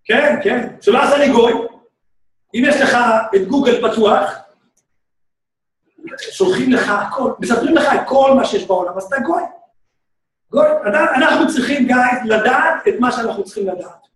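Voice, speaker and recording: Animated rabbi far off in echoey hall. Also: male voice, extremely high pitch, pauses often. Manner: joking, shouting, bursts into loud exclamations. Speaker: rabbi teaching a Torah class. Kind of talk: animated Torah class. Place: synagogue hall. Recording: echoey room, speaker far from mic.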